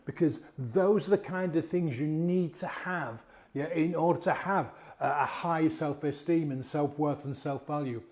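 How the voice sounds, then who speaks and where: A middle-aged mindset coach and hypnotist talks casually to camera about confidence, his voice croaky from a cold. Slightly high for a man yet mellow and warm, it moves at an unhurried pace. He is chatty and conversational, asking rhetorical questions and repeating and restarting words and phrases.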